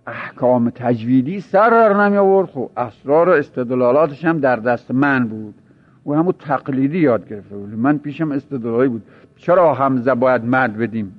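A man teaching an informal seminary lecture, explaining points in a conversational way with repeated examples and chuckling anecdotes, on a dull lo-fi recording. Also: medium pitch. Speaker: religious teacher.

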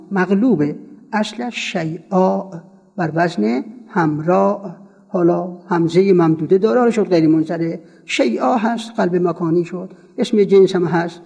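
A man's voice: sits high, creaky, a little mellow, husky. A man teaching a seminary class, quizzing his students and repeating word forms for them to copy. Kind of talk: classroom lecture on Arabic grammar. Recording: long reverb from a hall.

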